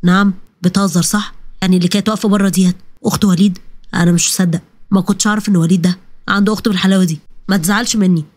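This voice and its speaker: A young Egyptian man, lowered and quick, curious and a little smitten, as a woman narrator plays him. His talk is puzzled and chatty. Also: steady tone, a little mellow, natural voice. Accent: Egyptian Arabic.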